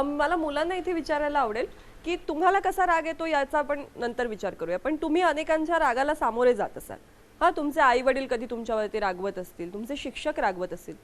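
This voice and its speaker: A woman hosting a television discussion, introducing guests and asking clear questions. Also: sits high, expressive, brisk. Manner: introduces guests, asks questions, short affirmations. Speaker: host. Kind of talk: studio discussion on youth show.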